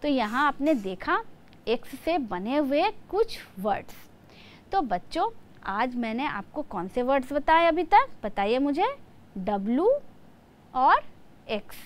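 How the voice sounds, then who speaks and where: A woman teacher giving a lesson to young children, spelling words out letter by letter. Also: on the high side.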